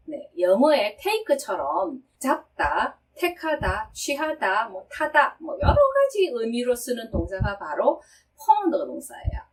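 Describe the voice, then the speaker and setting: A woman's voice: fairly high pitch, distant mic, slight background noise, rough recording. Patient woman teaching French lyrics. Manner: patient, explains step by step, reads French slowly. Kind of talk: song lyric pronunciation lesson.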